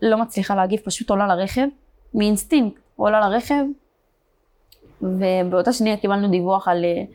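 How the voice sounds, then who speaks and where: A young woman from Israel, a border police fighter, telling her story in an interview, halting, with many fillers and restarts. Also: mid-range voice, fairly even intonation, a little mellow. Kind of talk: personal testimony in an interview.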